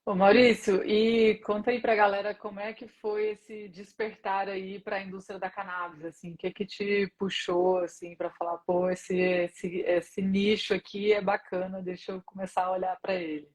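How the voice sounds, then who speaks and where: A woman's voice: medium pitch, level tone, moderate pace, few pauses, darkish tone. Chatty woman hosting a live stream. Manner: chatty, laughs often. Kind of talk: casual live stream chat. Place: at home in Canada.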